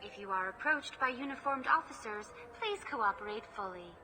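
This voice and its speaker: A woman's voice: fairly high pitch, animated, moderate pace, bright, forceful tone. A woman voicing a polite female AI information hologram who speaks in formal, scripted phrases. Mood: courteous.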